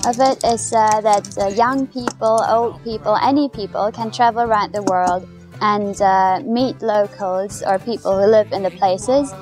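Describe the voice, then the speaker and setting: Woman, twenties, German native speaker, calm explainer, faint music under. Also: mid-range voice, measured pace. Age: 20s. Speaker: student. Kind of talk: documentary interview.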